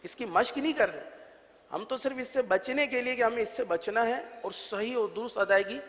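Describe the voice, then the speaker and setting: High-voiced Pakistani man teaching letter sounds. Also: a bit bright. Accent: Pakistani Urdu. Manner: patient, repeats sounds drawn out for students. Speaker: Quran reading teacher. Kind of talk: religious letter-pronunciation lesson. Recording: long reverb.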